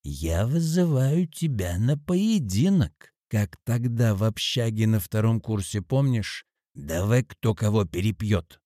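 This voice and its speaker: A man voicing a drunk, belligerent middle-aged man with an unsteady, shouting voice. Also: rumbling low, extremely slow, no room sound, studio quality, voice pushed down, heavily acted. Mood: tipsy challenge.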